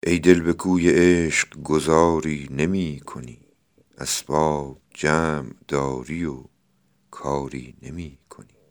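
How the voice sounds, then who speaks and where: An extremely deep male voice belongs to a podcast host presenting classical poetry. He shifts back and forth between reciting the verse and explaining it informally.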